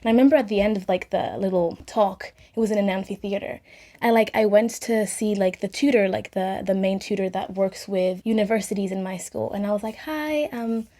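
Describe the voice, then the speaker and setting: A woman's voice: mid-range voice, fairly even intonation, a little fast, dark tone. A young woman vlogger telling her own story in a casual, chatty way, acting out the people she quotes.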